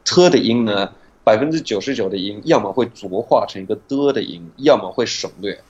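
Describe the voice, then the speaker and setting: A man, a guest teacher, patiently explains pronunciation and slowly demonstrates sounds in an interview. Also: fairly low pitch, animated, darkish tone, slightly rough, highs cut off.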